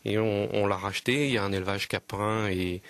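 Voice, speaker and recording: A man from Lower Normandy speaks as a radio interview guest in a fairly low voice. He explains earnestly but haltingly, filling gaps with hesitations and restarting phrases. The recording is dry and close. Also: steady tone, fairly bright tone, no echo. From Lower Normandy, France. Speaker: guest, land trust representative.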